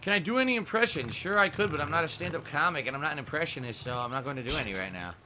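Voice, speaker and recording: A man in his thirties streams a game from a small room on a headset mic, ranting and swearing in frustration. His voice is a little high, expressive and rapid-fire, with loud game sounds and a noisy background behind it.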